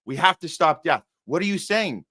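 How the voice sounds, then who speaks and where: A man's voice: on the high side, animated, moderate pace, sharp tone, no room sound. A man talking politics on a show, emphatic, firing off rhetorical questions between fillers. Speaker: podcast host, guest. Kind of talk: casual political talk.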